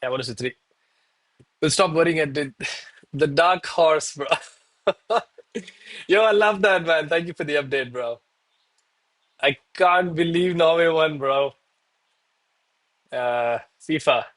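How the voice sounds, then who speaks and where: A man with a slightly high-pitched voice hosts a casual livestream. He talks like a gym bro, loose and informal, addressing his viewers as buddies while he gives running commentary as a trader. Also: takes it slowly, pauses often, fairly bright tone. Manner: bro-heavy, hyped gym-bro style talk. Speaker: live trading streamer.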